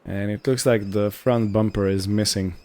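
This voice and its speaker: A man hosts a roleplay gaming series, narrating his play in character in a casual, improvised way using halting short phrases. His voice is lowish and mellow with fairly even intonation.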